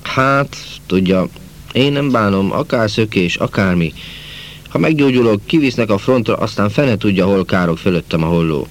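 Man doing a peasant soldier, cheerful, chatty, folksy, low voice raised a little, faint hiss. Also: natural voice. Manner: lively, folksy, talkative.

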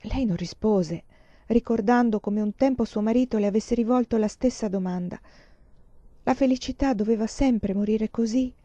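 A woman reading a novel aloud in a calm, measured storytelling voice. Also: fairly high pitch, dry recording. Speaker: reader. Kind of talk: storybook narration.

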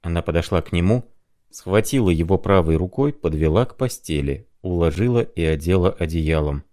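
A man narrating a classic novel as an audiobook in a measured, even storytelling manner. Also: low voice.

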